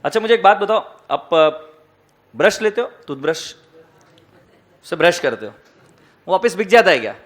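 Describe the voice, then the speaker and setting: A man's voice: sits high, very animated, normal speed, pauses often. A man lecturing a class on accounting, teasing the students, asking them questions and mixing Hindi with English.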